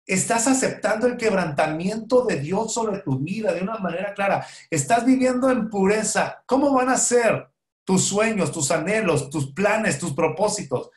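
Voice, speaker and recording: A middle-aged man preaches a teaching sermon in a lively, conversational way. He throws out rhetorical questions and chuckles often. His voice sits a little high, and the room gives it a noticeable echo. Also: moderate pace. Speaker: pastor. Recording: echoey room.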